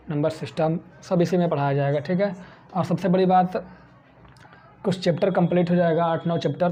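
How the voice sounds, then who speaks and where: A man's voice: a little high, dark tone, slight background noise. A man from India teaching a math lesson for exam prep, who keeps asking his own questions and answering them.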